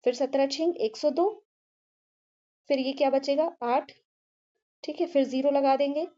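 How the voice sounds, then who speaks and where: High-voiced woman teaching a patient maths lesson. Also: steady tone, normal speed, warm tone, highs cut off. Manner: patient, repeats "ठीक है" and asks herself questions.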